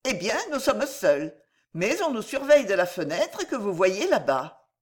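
A quick-witted young woman full of playful mockery, her lines rising high and lively as she banters, voiced by a woman reading a storybook. Her speech swoops and sparkles. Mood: teasing. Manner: playful, mocking, bright. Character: witty, teasing young woman, quick to laugh.

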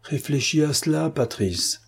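A man voicing a forceful, commanding gentleman adventurer in an audiobook, speaking insistently and emphatically. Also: on the high side, expressive, unhurried, gravelly, husky, voice pushed up, full character voice. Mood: persuasive. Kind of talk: audiobook character reading.

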